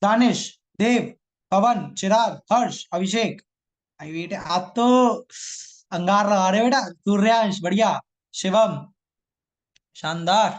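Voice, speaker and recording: A man's voice: high-pitched, slow pace, pauses often. A man teaching a live online programming class, teasing his students and repeating each line twice.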